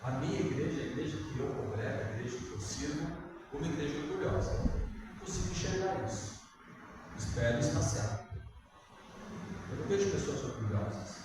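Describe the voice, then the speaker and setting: Recorded far from the mic in an echoey church hall with a noisy background, an older preacher speaks in a fairly high voice. His Brazilian Portuguese accent comes through as he delivers his sermon conversationally, posing questions to the congregation.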